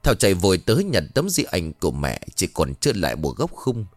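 A man narrating a dramatic ghost story in an expressive, lively way. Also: sits low, fairly quick, no room sound, soft background music.

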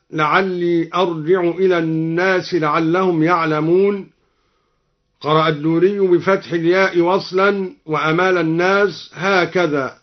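Brief: man teaching Quran reading variants, high voice, measured explanations broken by slow chanted recitation. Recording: dull lo-fi archival radio recording.

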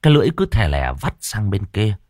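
A low-voiced man telling a horror tale in a measured way. His pitch moves a lot from line to line. The recording is dry and close. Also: sing-song, darkish tone, dry recording. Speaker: storyteller. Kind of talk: narrating a horror story.

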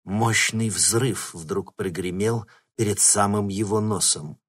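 A man reading an audiobook in steady, dramatic narration. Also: on the low side, takes it slowly, breathy edge. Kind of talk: scripted narration.

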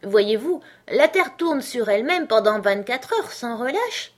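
A woman's voice: on the high side, sing-song, a little slow, pitched above the performer's own voice. A woman voicing a polite, timid young girl in a storybook reading, earnest and a little anxious.

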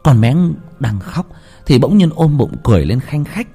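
A man narrating a ghost story dramatically, swinging between hushed and heightened tones. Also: medium pitch, very animated, moderate pace, creaky, husky, soft background music.

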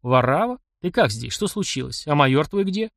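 A brisk, plain-spoken young man who gives orders kindly, read by a man. The delivery is lively in pitch and dry. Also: gravelly, no echo. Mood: firm.

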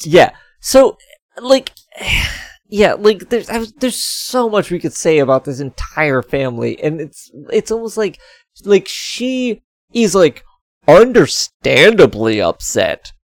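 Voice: medium pitch, big pitch swings, takes it slowly, no echo, clean studio sound. A podcast co-host chatting casually about a TV episode, rambling with lots of "like" and frequent laughs. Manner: rambling, heavy on "like," laughs often. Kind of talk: casual chat reviewing a TV episode.

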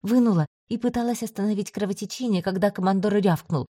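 A woman reads a first-person adventure story aloud with a steady, even delivery. Her voice is mellow and dark, recorded dry and close with no room sound. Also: medium pitch, quick pace, dry recording. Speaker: audiobook narrator. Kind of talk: first-person scripted narration.

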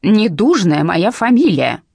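A woman reading as a pompous, commanding general's widow, shouting down her neighbours in a lively, rising and falling voice. Her tone is dark and slightly husky, close and dry in the recording. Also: medium pitch, a little fast, no echo. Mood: indignant. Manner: indignant, scolding, loud. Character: bossy pompous middle-aged general's widow.

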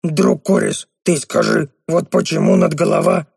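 A short, crafty gnome, played by a man reading aloud, slightly raised above a plain male voice. He drawls slowly in clipped, broken phrases. Dry, close recording. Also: a little high, wildly swooping pitch, creaky, a little mellow, husky, no room sound, full character voice. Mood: sly. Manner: slow, clipped broken grammar.

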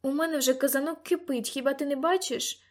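A spirited teenage girl, as a woman reads her in an audiobook. She fires off brisk, doubtful questions. Her voice sits a bit high. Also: close to an everyday voice. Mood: insistent. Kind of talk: audiobook character reading.

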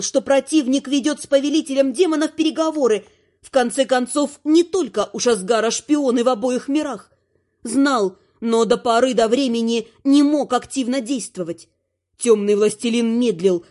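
A woman narrating a fantasy audiobook in an even, expressive storytelling manner. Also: high voice.

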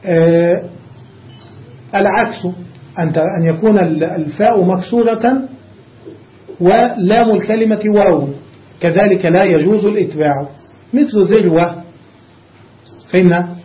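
High-voiced sheikh drilling grammar on dull tape. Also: male voice. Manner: quizzes students with rhetorical questions; recites word forms one after another in a measured, drilling way. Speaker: sheikh teaching Arabic grammar. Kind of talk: classroom lecture on grammar. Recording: dull lo-fi lecture recording.

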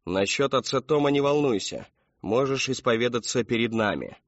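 A man's voice: mid-range voice, normal speed, dry recording, dull audio, lightly acted. A man voicing a cold, menacing middle-aged woman who coaxes and commands in a storybook reading. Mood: cold coaxing. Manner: calm, coaxing, then commanding.

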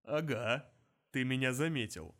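A male narrator voicing the disembodied voice of an invisible, aging bodyguard, speaking slowly and low with cold menace. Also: a bit bright. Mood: taunting. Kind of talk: audiobook character voice.

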